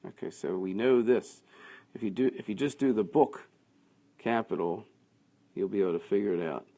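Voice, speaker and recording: Man, lowish voice, teacher going over quiz answers, thinks aloud, casual lecture. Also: normal speed, dark tone. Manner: thinking aloud, conversational, with fillers.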